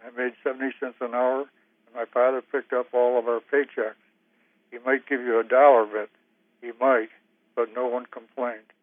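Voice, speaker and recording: A man reading a memoir passage in a flat, even storytelling voice. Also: medium pitch, moderate pace, no echo. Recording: tinny phone-like sound.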